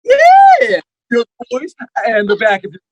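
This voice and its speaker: A man's voice: very high voice, wildly swooping pitch, slow pace, gravelly, highs cut off, a little hiss or hum, full character voice. A man playing a pompous, sarcastic town mayor in old-time radio comedy style, formal and exasperated.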